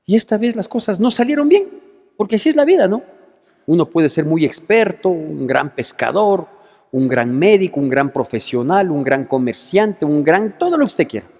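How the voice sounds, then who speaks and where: A male pastor preaches with animated energy, his high voice swooping widely as he throws out rhetorical questions. The sermon echoes through a long church reverb. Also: normal speed. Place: church hall.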